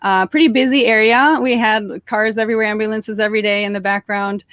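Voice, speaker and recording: In clean, dry studio sound, a young adult woman born in Norway and raised in suburban Detroit shares casual interview stories as a cheerful podcast guest, using many fillers and restarts. She speaks briskly in a mid-range, fairly bright voice with fairly even intonation.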